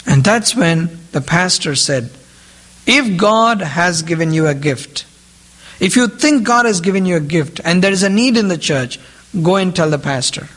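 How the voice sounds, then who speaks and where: Heard through a low-quality recording, a man with a high, a bit bright, animated voice preaches at a moderate pace. His first language isn't English, and as he addresses the group he repeats important phrases and asks them questions.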